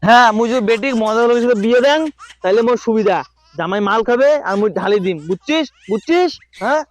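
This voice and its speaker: Ageing town drunk, played by a man, hot-tempered and loud, North Bengal accent, very high pitch, rapid comic delivery. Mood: stubborn. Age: older. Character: stubborn, hot-tempered, ageing village drunk father-in-law. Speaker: comic actor. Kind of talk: village comedy skit acting.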